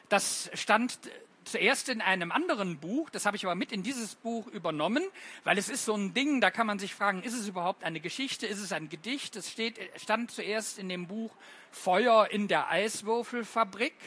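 A playful author reads their own poems aloud to children in a bright, clear voice. The pace is slow and unhurried. They keep tossing questions to the audience and tagging sentences with little checks. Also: medium pitch. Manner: chatty, with many tag questions. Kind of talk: live poetry reading for children.

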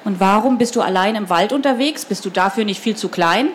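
A woman's voice: mid-range voice, a little fast, a little hiss or hum, lightly acted. A woman voicing a grumpy, bossy tall girl of almost twelve who asks blunt, scornful questions in a storybook reading.

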